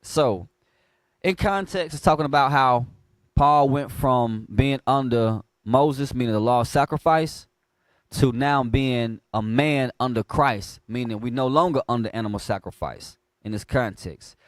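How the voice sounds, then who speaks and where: At a measured pace, a man leads a Bible class like a preacher, using call and response to prompt a reader and shifting between low, quiet asides and loud, emphatic bursts. The recording is dry.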